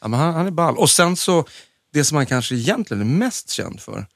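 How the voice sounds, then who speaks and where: A man's voice: on the high side, big pitch swings, fairly bright tone, dry recording, studio quality. A man with a Stockholm accent chatting casually as a podcast co-host. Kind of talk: casual chat.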